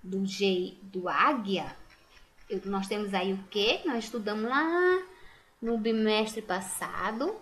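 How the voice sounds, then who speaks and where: A woman's voice: mid-range voice, animated, slow pace, a bit bright. A Brazilian woman teaching a primary school lesson, patiently sounding out words syllable by syllable. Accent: Brazilian Portuguese. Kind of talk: recorded remote class lesson.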